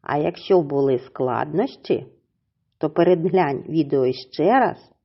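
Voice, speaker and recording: A woman teacher with a husky voice, giving a slow, clearly enunciated reading lesson to young children and drawing out words syllable by syllable. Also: low voice, muffled recording. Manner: syllable-by-syllable drawn-out pronunciation, encouraging. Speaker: primary school teacher.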